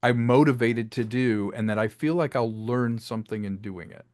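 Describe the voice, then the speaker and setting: Recorded with studio quality and no room sound, a medium-pitched man talks at a moderate pace. He's the director and writer of an audio drama, discussing it in a relaxed interview with lively energy, voiced quotes, and laughter between thoughts.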